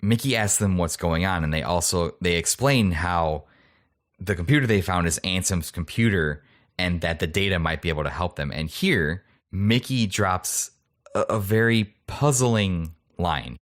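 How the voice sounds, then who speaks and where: A young man with a low voice hosts a podcast, recapping a story in a relaxed, chatty way. He tosses in little reactions and laughs as he goes. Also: unhurried. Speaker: podcast host.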